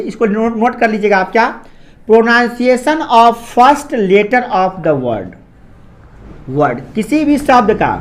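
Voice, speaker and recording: A man's voice: very high-pitched, a bit bright. Male teacher explaining grammar in class. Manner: repeats points and checks understanding often.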